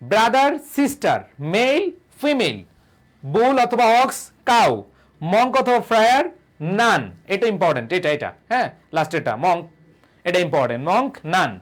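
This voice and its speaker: A young man with a rather high voice runs a live-streamed grammar lesson. He keeps asking the class a question and answering it himself, and he reads out viewers' comments between points. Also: very animated, normal speed. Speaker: online English tutor.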